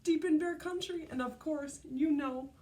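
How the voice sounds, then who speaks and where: In a high voice, a woman reads aloud from a storybook for little kids, taking a teacher's approach: deliberate, expressive, and prompting her audience to respond.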